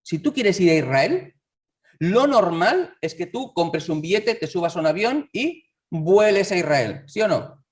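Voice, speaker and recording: Lively male preacher in a church. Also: sits high, unhurried, far from the mic. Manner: lively, conversational preaching with rhetorical questions. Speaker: lay preacher. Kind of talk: sermon. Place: church hall.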